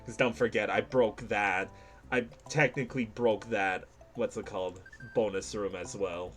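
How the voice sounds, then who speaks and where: A man giving casual gameplay commentary as a streamer, animated and self-mocking, laughing often. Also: fairly low pitch, unhurried, faint music behind.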